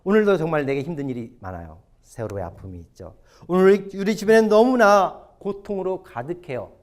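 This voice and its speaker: Animated Korean pastor lecturing. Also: male voice, high-pitched, a little fast. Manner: animated, asks the audience questions. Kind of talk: lively sermon lecture. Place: church or hall lecture before an audience.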